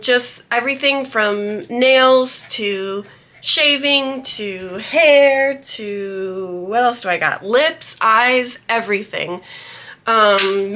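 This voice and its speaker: A woman's voice: a little high, sharp tone. Chatty young woman, nasal with a cold. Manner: rambling, chatty, many ums. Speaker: beauty vlogger. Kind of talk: casual chat to camera.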